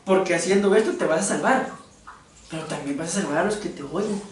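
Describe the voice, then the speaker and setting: A Costa Rican pastor with a high-pitched voice preaches a conversational sermon a little fast, joking and putting rhetorical questions to his congregation. He sounds far off in a very echoey room.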